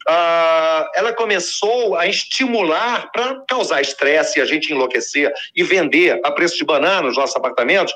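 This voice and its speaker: A man's voice: on the high side, normal speed, few pauses. A man telling a long personal story in a casual, slangy way, acting out the voices of the people in it. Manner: animated, slangy, acts out quoted voices.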